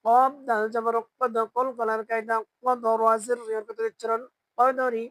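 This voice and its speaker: A Quran reading teacher with a Bangladeshi Bengali accent who spells each word letter by letter, chants it slowly and asks learners to repeat after them. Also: mid-range voice, little pitch movement, a bit bright, dry recording, rough recording. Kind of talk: slow spelled-out recitation lesson.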